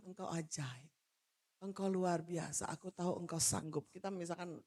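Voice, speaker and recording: A woman pastor from Manado giving a loud, animated sermon, joking with the congregation and moving about as she preaches. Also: mid-range voice. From Manado, Indonesia. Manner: jokes with the congregation. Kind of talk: lively sermon.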